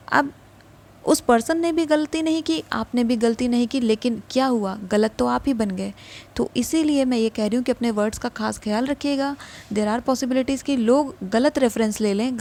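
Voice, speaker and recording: Young woman, tarot reader, fairly high voice, gentle advice, mixes english into hindi. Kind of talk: tarot reading for viewers.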